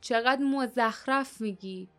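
A woman narrator voicing a cunning, scornful male fighter who speaks quietly with a mocking edge in a storybook reading. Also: mid-range voice, animated, gravelly, husky, soft background music. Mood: cold.

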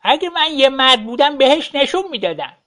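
A woman voicing a drunk, spiteful old red-haired woman in a bar, ranting shrill insults in an audiobook story. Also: sing-song, fairly bright tone. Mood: scornful.

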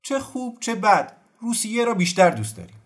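A man voicing a simple, homesick cossack soldier who speaks in short, halting phrases. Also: high-pitched, very animated, pitched above the performer's own voice. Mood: earnest. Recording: faint music behind.

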